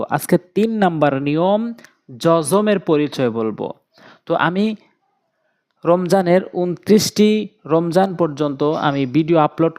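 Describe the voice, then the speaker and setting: A man with a Bangladeshi Bengali accent teaching Quran reading step by step, slowly drilling and repeating letter sounds. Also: on the high side, a little mellow. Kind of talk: step-by-step recitation lesson.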